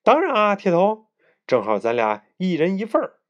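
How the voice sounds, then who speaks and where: A man voicing a boastful, chatty schoolboy in a read-aloud children's story, in a bright, childish storybook voice. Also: high voice, wildly swooping pitch, moderate pace, dull audio, pitched above the performer's own voice. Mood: smug.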